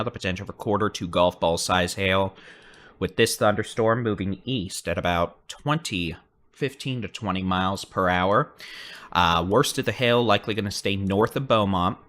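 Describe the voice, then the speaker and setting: A man's voice: lowish voice, fairly bright tone. A man giving live severe weather coverage, steadily listing towns and arrival times. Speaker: weather forecaster.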